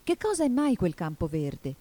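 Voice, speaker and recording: A woman's voice: lowish voice, very animated, normal speed, mellow. A woman voicing an earnest young girl in a storybook reading, exclaiming and protesting. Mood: bewildered. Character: puzzled, earnest young girl in a fantasy world.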